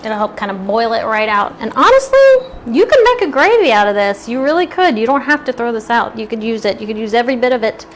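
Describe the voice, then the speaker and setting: A bright, upbeat woman walks viewers through a live cooking demo in a friendly, chatty way, drifting slightly off the mic as she moves around the stove. Her voice sits a little high, with a faint hiss of background noise under it. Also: sing-song, fast. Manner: chatty, upbeat, eating while talking. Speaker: cooking demonstrator.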